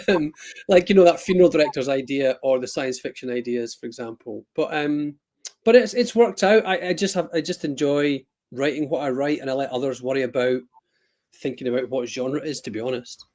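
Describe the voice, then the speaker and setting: This Scottish guest author speaks briskly in a medium-pitched, darkish voice. Chatting casually on a video call for a live stream, he rambles, puts himself down, and fills his speech with ums and restarts.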